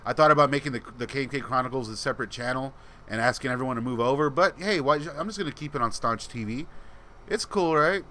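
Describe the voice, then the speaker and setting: A channel host reads and answers live chat comments in a relaxed, rambling style, his voice often described as soothing. He speaks at a medium pitch and fast, with a bright, forceful tone over slight background noise.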